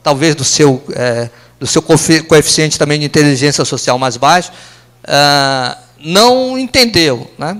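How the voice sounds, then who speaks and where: A Brazilian man with a Brazilian Portuguese accent gives a company lunch talk to a live audience in an office meeting room. His voice is a little high and fairly bright, with fairly even intonation. He stays conversational, tossing in tag questions like "né?" and quick aside jokes.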